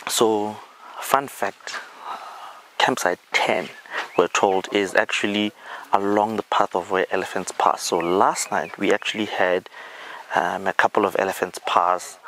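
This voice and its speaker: A vlog host with a low, slightly bright voice casually walks through an outdoor campsite in dry bush, explaining it with easy fillers. It's recorded on a handheld camera outdoors, so the audio is poor and the noise is clear.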